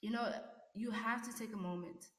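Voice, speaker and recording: A woman's voice: fairly high pitch, steady tone, normal speed, a bit bright. A woman hosting a casual motivational podcast, chatting encouragingly and directly to her listeners in an echoey, sparsely furnished room at home. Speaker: podcast host.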